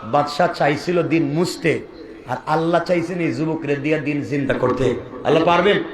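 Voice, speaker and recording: High-voiced man preaching in an echoey hall. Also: moderate pace. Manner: rises into shouted, sing-song chanting; urges the crowd to answer loudly. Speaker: Islamic preacher. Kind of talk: impassioned Bengali waz sermon.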